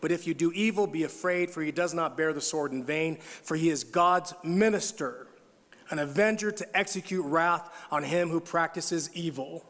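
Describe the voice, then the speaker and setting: Middle-aged male preacher, humorous storyteller, higher register, big reverberant hall. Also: moderate pace, a bit bright. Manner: storytelling with humor, chuckling, scripture reading. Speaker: conference speaker. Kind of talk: sermon.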